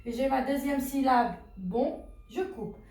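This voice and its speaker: A woman's voice: high-pitched, a little slow, darkish tone. A woman teacher patiently walking children through a phonics exercise, repeating words and asking questions as she goes. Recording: very echoey room with faint music.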